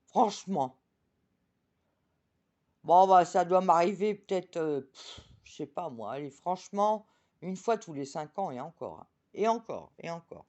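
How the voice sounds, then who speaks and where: A chatty woman presenting oracle cards on her channel, talking about herself in the third person and reading each card's message slowly. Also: on the low side, lively intonation, mellow, highs cut off. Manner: reads card messages slowly.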